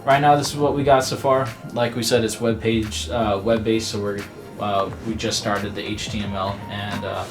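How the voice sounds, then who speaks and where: A young man, a student, showing his team's code in a relaxed, halting casual interview. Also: on the low side. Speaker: student team member. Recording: music bed under voice.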